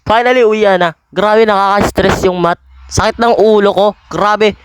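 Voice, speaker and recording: A man narrates his own game role-play in a high voice. He is excitable and breaks into loud, sudden exclamations. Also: normal speed, soft background music. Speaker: gaming video creator.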